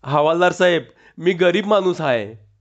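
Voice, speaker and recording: A man's voice: on the high side, expressive, a little slow. A man voicing a frightened, stammering village thief who pleads and whines. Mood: scared. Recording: dull lo-fi recording.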